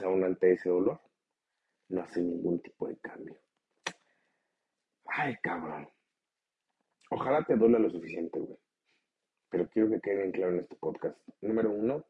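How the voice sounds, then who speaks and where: A man's voice: slightly rough, dull audio. A man with a Mexican accent hosting a motivational podcast, talking bluntly with lots of swearing and pushy challenges to the listener. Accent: Mexican Spanish. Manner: blunt, profane, swings into high mocking voices. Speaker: podcast host.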